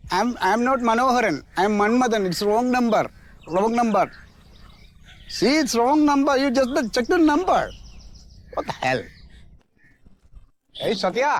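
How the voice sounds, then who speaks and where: A man's voice: very high-pitched, animated, very slow, long pauses, heavily acted. An actor playing a pompous newly rich man who shows off in forced English, in a TV comedy. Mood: showing off. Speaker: sitcom character. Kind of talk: TV comedy acting.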